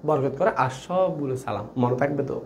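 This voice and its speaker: A man's voice: medium pitch, normal speed, creaky, a little hiss or hum. A young man with a Bangladeshi Bengali accent teaching an online exam-prep lecture, quizzing his students with rhetorical questions.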